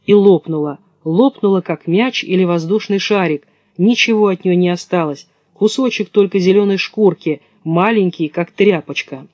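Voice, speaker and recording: A man narrating a children's storybook in a lively storytelling manner. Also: high voice, moderate pace, dry recording, dull audio. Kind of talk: storybook reading.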